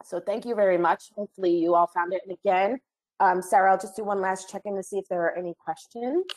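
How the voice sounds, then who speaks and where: A woman trainer closing an online training webinar, a little hoarse from a cold, chatty and friendly with apologetic asides, speaking into a computer mic. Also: mid-range voice, fairly even intonation, fast, poor audio.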